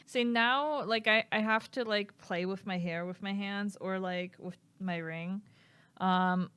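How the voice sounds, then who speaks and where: Reading quiz items out loud during a stream, a young woman answers with hesitation, frequent laughter and giggly side comments, calling herself flat and monotone. She has a smooth, medium-pitched voice with no room sound.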